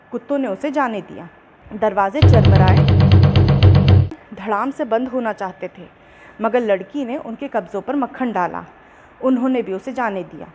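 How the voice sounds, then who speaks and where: Woman reading a bedtime story, slightly high voice. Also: low-quality recording.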